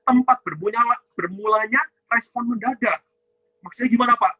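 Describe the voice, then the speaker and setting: A man with a high, very bright and forceful voice gives a ministry teaching talk. He poses rhetorical questions and answers them himself, dropping a questioning "ya" after nearly every phrase. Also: moderate pace, breathy edge, dry recording, low-quality recording. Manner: asks and answers his own questions, tags lines with "ya"; addresses listeners as "saudara". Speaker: ministry teacher on inner healing.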